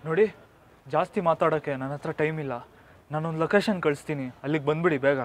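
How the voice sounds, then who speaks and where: An actor playing a young man who urgently calls his partner to come quickly. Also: on the high side, close to an everyday voice. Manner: hurried, urgent. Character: tense young man, kidnapped boyfriend.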